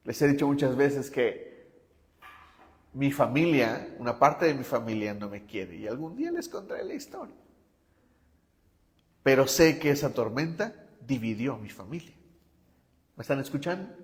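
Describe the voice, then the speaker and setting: A man's voice: mid-range voice, very animated, moderate pace, long pauses, big-room sound. A male pastor preaching a sermon with emphasis, often asking the congregation whether they follow him.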